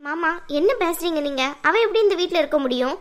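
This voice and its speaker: A woman voicing sharp-tongued sister Malar, very high. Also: lively intonation, fairly quick. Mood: defiant. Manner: sharp, insistent, pleading with her father-in-law. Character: young woman Malar, hostile elder sister. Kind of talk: cartoon voice acting.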